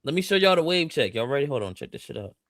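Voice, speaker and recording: Heavy background noise surrounds a thirty-year-old American livestream co-host as he jokes around casually, loud and slangy, hammering phrases home through repetition. He talks fast, with a slightly high and very animated voice.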